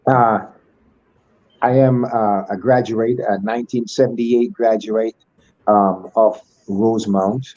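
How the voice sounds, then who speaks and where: An older man speaking as a guest over a muffled video call. His voice sits low and mellow. He talks in ornate, churchly phrases, stopping often to restart. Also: steady tone, takes it slowly, dry recording. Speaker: guest speaker, school alumnus. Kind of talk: formal online panel talk.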